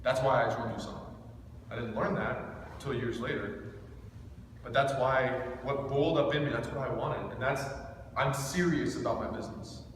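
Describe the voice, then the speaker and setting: A 37-year-old business team trainer with a medium-pitched voice speaks at a moderate pace, giving an informal motivational talk to a small group. He is intense and direct, firing off emphatic rhetorical questions. The echoing indoor room was recorded from a distance, leaving faint noise.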